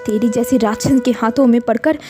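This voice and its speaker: A woman voicing a surly, bitter young village man who shouts his complaints. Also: a little high, normal speed, soft background music, natural voice.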